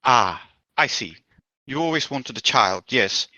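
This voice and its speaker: Vickers, a man playing a bright, polite schemer. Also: medium pitch, lively intonation, no room sound. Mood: courteous. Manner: courteous, measured, faintly menacing. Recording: dull, dry recording.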